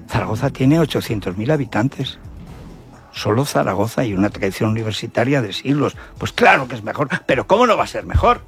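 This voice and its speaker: An older man speaking with an accent from Spain has a husky, mid-range voice with a slightly bright tone. His radio commentary is colloquial and opinionated, indignant in tone and full of rhetorical questions.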